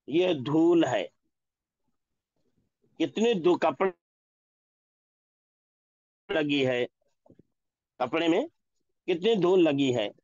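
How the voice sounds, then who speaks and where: A male language teacher with a fairly high voice who speaks very slowly and says each example word twice for his class. The sound is dull and lo-fi, with a dry, close feel. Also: a little mellow, no echo. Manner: slow, repeats example words and phrases for drilling. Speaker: Urdu teacher.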